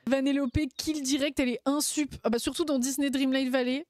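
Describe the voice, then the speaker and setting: A woman's voice: high voice, fairly even intonation, a little fast, darkish tone, no room sound, studio quality. A woman streamer chatting casually and playfully, laughing often and using lots of slang. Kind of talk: casual live-stream chat.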